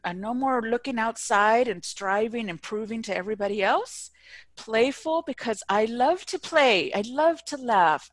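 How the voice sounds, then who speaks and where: Middle-aged woman guest, earnest and emphatic, mid-pitched voice, dry close recording. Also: no echo. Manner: earnest and emphatic, with frequent restarts. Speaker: entrepreneur guest. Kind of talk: personal story in a podcast interview.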